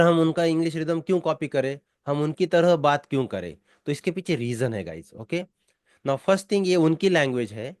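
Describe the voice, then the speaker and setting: Indian guy teaching english, slow and a bit high, mixes hindi and english, dry close sound. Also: dry recording. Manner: explains slowly, mixing Hindi and English, repeats key points. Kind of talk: spoken English lesson in Hindi and English.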